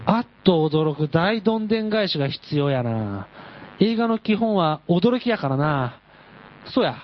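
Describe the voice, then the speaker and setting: A man's voice: high voice, pitched above the performer's own voice, full character voice. A man voicing a bossy, grandiose male film director with a Kansai accent, giving brash orders. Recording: dull lo-fi radio audio.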